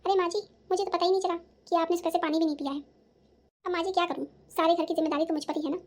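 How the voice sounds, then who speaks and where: A woman's voice: very high voice, fairly even intonation, rapid-fire. Woman as a defiant young daughter-in-law. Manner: defensive, answering back. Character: sharp-tongued young daughter-in-law who answers back. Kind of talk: cartoon voice acting.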